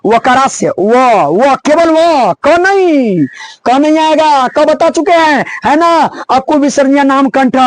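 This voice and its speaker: High-voiced teacher, repeats every point. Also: male voice, no room sound, low-quality recording. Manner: repeats each point, loud exhorting asides to students. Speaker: Hindi grammar teacher. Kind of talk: board-exam lesson.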